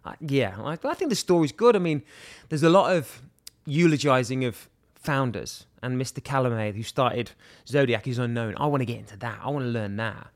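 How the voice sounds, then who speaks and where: A man's voice: mid-range voice, a little fast, few pauses, no echo, studio quality. A middle-aged British man chatting casually as a guest, joking and often trailing off to restart his sentences. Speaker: watch brand director, guest. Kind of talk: casual podcast chat.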